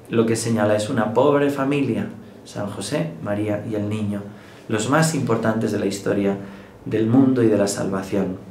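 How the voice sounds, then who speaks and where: Conversational priest in an echoey room. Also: male voice, mid-range voice. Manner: gentle, conversational preaching with tag questions. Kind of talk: daily devotional sermon with a told joke. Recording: echoey room with faint ambient noise.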